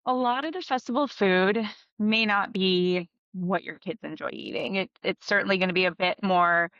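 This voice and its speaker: A woman's voice: mid-range voice, normal speed, fairly bright tone, clean tone, no room sound. A woman in her thirties, a podcast co-host, chatting casually and giving practical tips with frequent ums. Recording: dull dry podcast audio.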